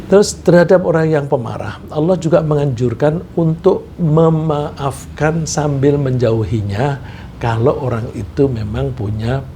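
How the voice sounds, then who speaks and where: Man, middle-aged, sermon, gravelly voice, mellow tone, light background hiss. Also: a little high, unhurried. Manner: acts out quoted people in changed voices; conversational, addresses congregation directly. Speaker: preacher.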